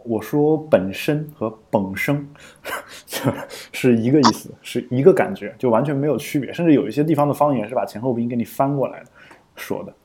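A man's voice: mid-range voice, fast, a little mellow. A man co-hosting a podcast in casual explanatory chat, thinking aloud with frequent fillers and restarts. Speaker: podcast co-host.

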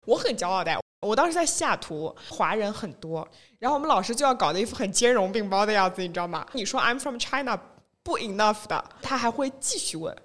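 A woman's voice: medium pitch, brisk. A woman from Shanghai in casual podcast chat, telling stories and acting out what people said. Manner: chatty, lively storyteller, quotes people and mixes in English phrases.

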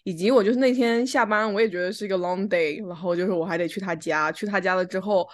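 A woman's voice: medium pitch, fast talker. A woman chatting casually at home as a podcast co-host, telling a personal story and acting out the lines of an argument. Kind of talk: casual chat.

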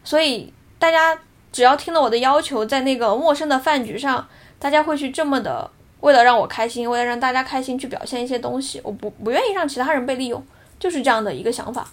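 A woman's voice: high-pitched, fast talker. A woman in her thirties on a casual podcast, telling a personal story in an earnest, reflective way. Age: 30s. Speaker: podcast co-host.

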